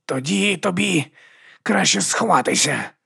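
A man's voice: high-pitched, expressive, unhurried, creaky, sharp tone, breathy edge, voice pushed up, full character voice. A male narrator voicing a fierce tattooed female warrior who snarls short, curt orders. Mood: strained.

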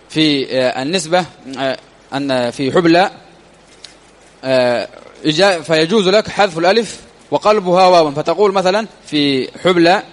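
Male grammar teacher, high voice, long echo; reads the text, then explains and quizzes himself. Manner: reads quoted text then explains it, asks and answers his own questions. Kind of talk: classroom lesson explaining a text. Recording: long hall reverb.

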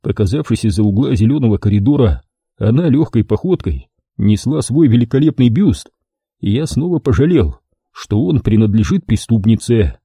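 A man's voice: mid-range voice, animated, normal speed, warm tone, breathy edge, dry recording, clean studio sound. A man narrating a first-person crime audiobook in a wry, ironic storytelling manner. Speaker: audiobook reader.

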